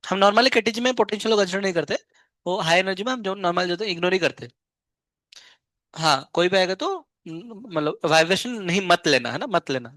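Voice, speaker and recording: Physics teacher guy, high-ish voice, asks then answers his own questions, dry sound. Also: a bit bright, dry recording. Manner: asks questions and answers them himself, then slowly dictates notes. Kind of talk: classroom lecture. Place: classroom.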